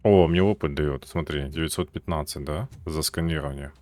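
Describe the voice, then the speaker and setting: A man's voice: a bass voice, brisk, darkish tone. A man giving casual let's play commentary in short, offhand, muttered reactions. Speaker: gamer.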